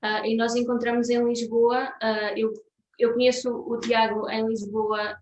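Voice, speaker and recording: Flat-toned Portuguese woman interpreting from afar. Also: a little high. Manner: halting, many fillers, switches between Portuguese and English. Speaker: musician and interpreter. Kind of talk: translating for a guest at a festival talk. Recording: roomy, distant, faint hiss.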